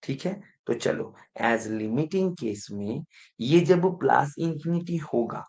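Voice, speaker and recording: A man's voice: medium pitch, lively intonation, slow, darkish tone. A man teaching math in an exam-prep lecture, who keeps quizzing the students and repeating his prompts to pay attention.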